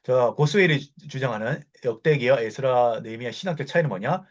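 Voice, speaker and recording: A man giving a Bible lecture, explaining at length and often pausing with fillers and correcting himself mid-word. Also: medium pitch. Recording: dull lo-fi recording.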